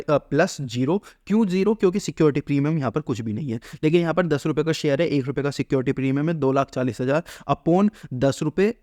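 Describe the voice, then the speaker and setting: A man's voice: medium pitch, darkish tone, no room sound, studio quality. A man teaching accounting, who keeps asking questions and answering them himself and acts out what a company says. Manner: asks and answers his own questions, acts out the company's lines. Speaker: commerce teacher. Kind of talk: explaining an accounting lesson.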